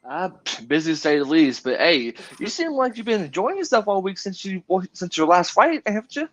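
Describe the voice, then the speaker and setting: A man's voice: sits high, big pitch swings, fairly quick, a bit bright. A man hosting an interview in a casual way, rambling and often stumbling over his words. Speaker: interview host. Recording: dull lo-fi audio.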